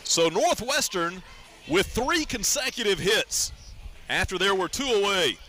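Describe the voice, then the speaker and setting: A man calls baseball play-by-play on the radio with measured, deliberate phrasing in a live sports commentary style. His voice sits high and is expressive, with a sharp tone.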